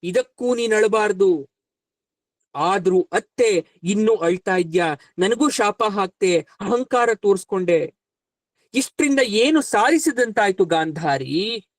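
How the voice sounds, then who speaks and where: A man voicing Krishna, calm divine counselor. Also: high-pitched, slow, long pauses, dry recording. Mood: chiding. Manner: steady reasoning, rebuking tone.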